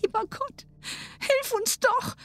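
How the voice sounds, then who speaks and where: A woman voicing a frightened young girl in a storybook reading, with a high, pleading voice. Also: expressive, a little slow, a bit bright, soft background music, heavily acted.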